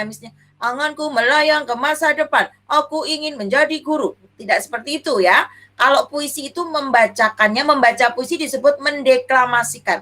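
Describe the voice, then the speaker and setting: A young woman teacher leads a children's class in a high, bright, forceful voice. She affectionately calls her pupils dear and asks questions that she then answers herself.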